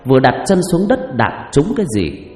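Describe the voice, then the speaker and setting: Brief: male ghost-story narrator, expressive and lively, roomy echo with soft music. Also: medium pitch, moderate pace. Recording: roomy reverb with background music.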